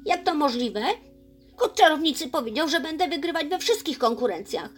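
A woman's voice: mid-range voice, expressive, normal speed, faint music behind, natural voice. A woman voicing a proud, vain young female elf in a children's storybook, speaking boastfully. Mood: indignant. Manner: boastful and haughty, then tearful.

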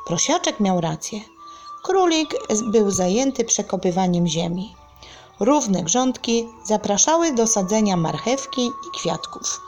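Woman storyteller for kids, very slow, gravelly, deliberate read. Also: mid-range voice, very animated, darkish tone, soft background music. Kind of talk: reading a bedtime story to children.

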